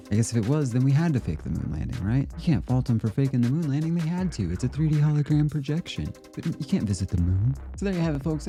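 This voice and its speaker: A man hosting a conspiracy video series, giving relaxed, rambling commentary on the clips he plays. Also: mid-range voice. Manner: rambling and relaxed, with fillers and laughs. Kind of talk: casual commentary reacting to clips.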